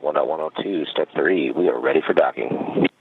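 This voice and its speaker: A man's voice: a bass voice, fairly quick, vocal fry, breathy edge, no echo, phone-quality sound. A man making clipped, procedural astronaut call-outs over a breaking-up space radio link. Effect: breaking-up space-to-ground radio. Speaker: astronaut aboard space station.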